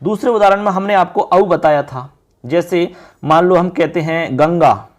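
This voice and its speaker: Male teacher, high-pitched voice, patient classroom explainer who asks and answers his own questions, slows way down on key sounds. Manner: drawn-out slow spelling of syllables. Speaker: Sanskrit teacher. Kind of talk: classroom grammar lesson.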